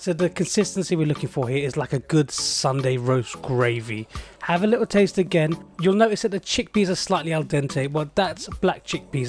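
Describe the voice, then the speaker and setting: A man hosting a cooking show, walking through a recipe in an upbeat, playful way. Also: on the high side. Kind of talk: recipe demonstration. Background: background music.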